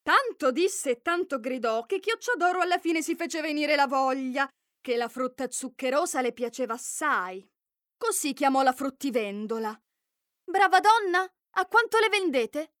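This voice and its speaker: Bright, high-voiced woman storyteller. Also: normal speed, no echo, clean studio sound. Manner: expressive, varied storytelling with voiced characters. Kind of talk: reading a fairy tale aloud.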